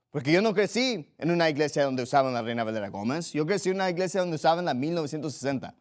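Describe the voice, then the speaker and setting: Emphatic higher-voiced man preaching a sermon. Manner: emphatic preaching with repeated phrases and scripture readings. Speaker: pastor.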